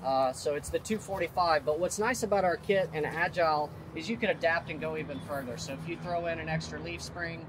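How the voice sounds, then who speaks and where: A man's voice: fairly high pitch, a little fast, hardly any pauses, noisy background. A man in his thirties explaining product features outdoors in a confident, detailed sales manner. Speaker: manufacturer representative. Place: outdoors at a vehicle lot.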